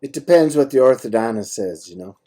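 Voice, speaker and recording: A man with an American accent chats casually on a personal phone call, laid-back and matter-of-fact, using short, plain sentences. His mid-range voice has a dark tone and sounds animated and brisk.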